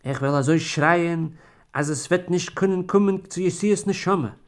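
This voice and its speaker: A man voicing a grieving wife who pleads loudly and desperately with her dying husband. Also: a little high, normal speed, voice pushed up, lightly acted. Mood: desperate pleading. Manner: loud and pleading.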